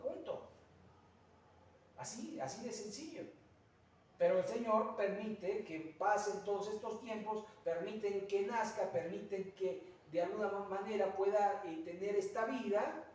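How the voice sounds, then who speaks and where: A man's voice: high-pitched, darkish tone. A man with a Mexican accent preaching a sermon as pastor, earnest, with rhetorical asides and frequent hesitant fillers. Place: church sanctuary. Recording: very echoey church from a distance.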